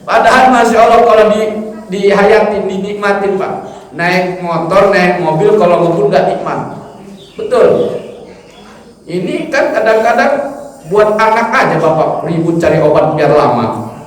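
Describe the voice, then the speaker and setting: A man preaching a humorous, animated study sermon in a mosque, now and then mimicking chanted prayers and neighbourhood gossip. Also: high-pitched, a little slow. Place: large mosque hall. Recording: echoey hall, mic from far off.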